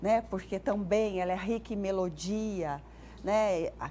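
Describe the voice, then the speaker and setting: Brazilian woman, speech therapist on TV, mid-pitch, explanatory and lively, faint noise. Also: unhurried. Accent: Brazilian Portuguese. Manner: explanatory, animated when acting out sounds for children. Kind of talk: TV morning show interview.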